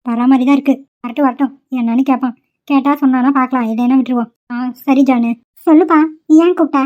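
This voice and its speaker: A woman performs amateur voice acting for a homemade cartoon, playing caring young female college students who coax and plead with a friend. She talks fast in a high, steady voice that sounds natural, and the sound quality is lo-fi.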